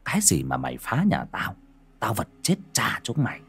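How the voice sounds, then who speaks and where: A man voicing a vengeful spirit that has possessed a villager, muttering threats in a low voice. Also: wildly swooping pitch, normal speed, a bit bright, slightly rough, full character voice. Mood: menacing.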